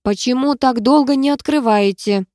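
Lady doing a snappy suspicious caretaker guy, sarcastic, loud and dry. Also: mid-range voice, normal speed, no room sound, lightly acted. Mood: irritated. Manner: sarcastic, barely hiding irritation. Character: irritated sarcastic male caretaker, suspicious and bossy.

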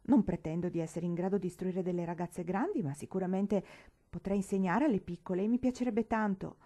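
A woman's voice: mid-range voice, a little fast, warm tone, natural voice. A woman voicing an earnest eighteen-year-old girl who insists on proving herself, in a read-aloud novel. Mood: earnest pleading.

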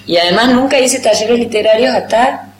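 An Argentine writer in her thirties chats casually in an interview, poking fun at herself and often laughing at her own expense. She speaks a little fast at a fairly high pitch, with a rioplatense Argentine Spanish accent, and the recording has roomy echo plus background noise.

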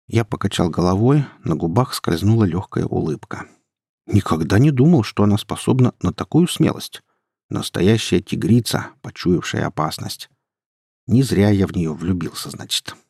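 Young male narrator, husky, lively delivery, dry close sound. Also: on the low side, no echo. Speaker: audiobook narrator. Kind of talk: first-person story narration.

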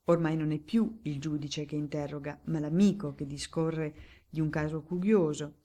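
A woman's voice: low voice, fairly even intonation, moderate pace, mellow. A woman doing a genial, probing old judge. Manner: smooth, genial, probing questioning. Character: shrewd affable older male magistrate.

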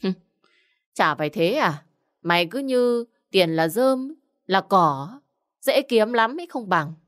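A woman's voice: medium pitch, lively intonation, slow pace, fairly bright tone, pitched above the performer's own voice. A woman voicing a rude, stingy middle-aged village man who scolds curtly. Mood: scolding. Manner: scornful, scolding, curt.

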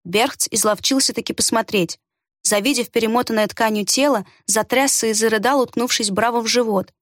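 A woman narrating a fantasy story in an even storytelling delivery. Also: on the high side, fairly quick, no room sound, clean studio sound. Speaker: audiobook narrator. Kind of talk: scripted narration.

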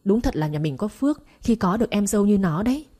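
A woman voicing a sharp-tongued, mocking middle-aged sister-in-law in a read-aloud story. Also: medium pitch, lively intonation, natural voice. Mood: sarcastic. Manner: mocking, scolding, quick jabs.

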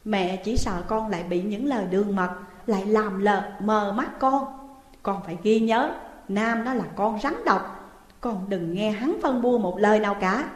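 A woman's voice: medium pitch, measured pace, lightly acted. A woman reading an audiobook, voicing a firm, protective middle-aged mother who admonishes her daughter. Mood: stern. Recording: echoey room with long reverb.

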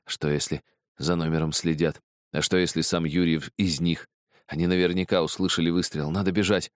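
A man with a very low voice reads an audiobook in a measured, grave manner. The recording is dry and close, with no room sound. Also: smooth, dry recording. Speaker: audiobook narrator. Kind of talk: dramatic audiobook narration.

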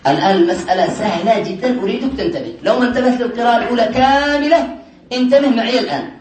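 A man teaching a class on word patterns, quizzing his students often and slowing down to stress each pattern. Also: very high-pitched, a little mellow, slight background noise. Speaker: teacher of Arabic morphology. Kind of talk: classroom lesson. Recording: roomy classroom from a distant mic with class murmur.

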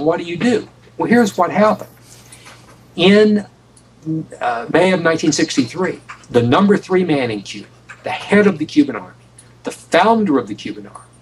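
An American man, a guest author on a radio show, tells a story emphatically, often repeating and restarting his phrases. His voice is a little high and slightly rough. He's far from the mic, and the recording is low quality.

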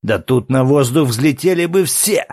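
A man reading an audiobook and voicing a hot-tempered male violinist who shouts in anger. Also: medium pitch, expressive, unhurried, breathy edge, dry recording, studio quality, voice pushed up. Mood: furious. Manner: shouting angrily, curt.

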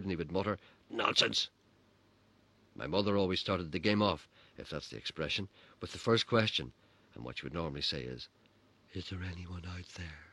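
A man's voice: deep voice, a bit bright. A man telling a childhood story with dry, wry humor. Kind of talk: personal story narration.

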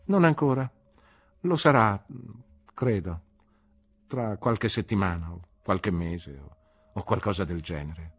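Brief: a male reader playing a boisterous, careless young gent for an audiobook, pitched up and husky. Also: lively intonation, takes it slowly, long pauses, full character voice. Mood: breezy. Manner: breezy, teasing, boisterous. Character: jovial careless young gentleman. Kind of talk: audiobook reading.

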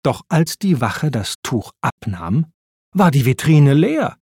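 A man narrating a children's storybook with expressive, slow reading. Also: medium pitch, husky, no room sound, studio quality.

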